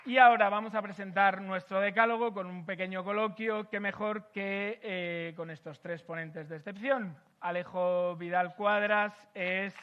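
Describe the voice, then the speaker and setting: A man's voice: high voice, fairly even intonation, a little slow, few pauses, dull audio. A man hosting a political event, delivering an emphatic speech full of rhetorical repetition before moderating a panel.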